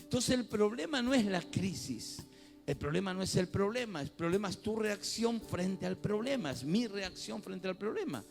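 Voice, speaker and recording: A man's voice: high voice, expressive, normal speed, gravelly, soft background music. A man with a Rioplatense accent preaching a sermon as pastor in a church, talking conversationally and building to fervent swells. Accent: Rioplatense Spanish.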